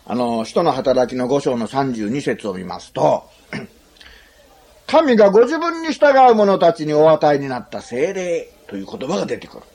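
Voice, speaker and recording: A man's voice: medium pitch, wildly swooping pitch, moderate pace, darkish tone. A man preaching a sermon in a chatty, humorous way, often asking his listeners questions. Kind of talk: sermon to a congregation.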